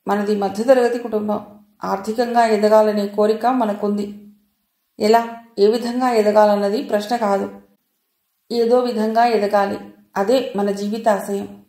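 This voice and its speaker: A woman voicing a sharp-tongued, cynical older woman who scolds and lectures in an audio novel. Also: mid-range voice, flat delivery, measured pace, pauses often, roomy sound, natural voice. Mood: lecturing.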